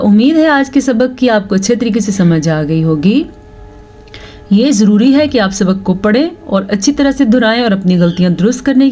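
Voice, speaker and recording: A woman teaching Quran recitation rules, reciting verses slowly and drawn out, then explaining each rule. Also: mid-range voice, a little mellow, a little hiss or hum. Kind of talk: slow recitation lesson with explanations.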